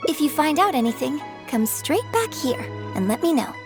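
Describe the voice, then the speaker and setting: A woman voicing a composed young opera star who speaks in a measured, earnest way, in game audio with faint music. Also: high-pitched, sing-song. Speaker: game character. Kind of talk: video game voice acting.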